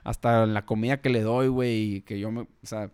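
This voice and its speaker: A man's voice: fairly low pitch, fairly even intonation, brisk, darkish tone, clean tone. A man with a Mexican accent chatting casually and telling a story, dropping "güey" constantly. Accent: Mexican Spanish. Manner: slangy, peppers speech with "güey".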